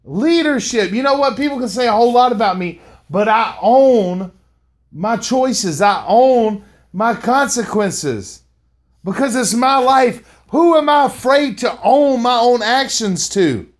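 A middle-aged podcast host and motivational speaker delivers a slangy monologue, repeating lines for emphasis and often calling the listener "man." His voice is very high and expressive, at a measured pace.

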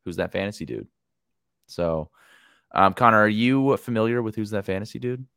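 A man's voice: fairly low pitch, moderate pace, vocal fry, fairly bright tone, smooth, no room sound, studio quality. A man hosting a casual podcast, joking and steering the segments. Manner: joking, playful, runs the show segments. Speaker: podcast host.

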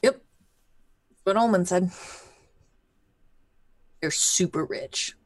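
A woman's voice: lowish voice, slow pace, no echo. A woman player bantering casually in a tabletop game, blunt, slangy and argumentative.

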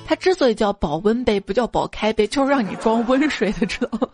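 A woman's voice: fairly high pitch, animated, fast talker, a little mellow, soft background music. A woman radio show host reading out listener jokes, playful and acting out the quoted voices.

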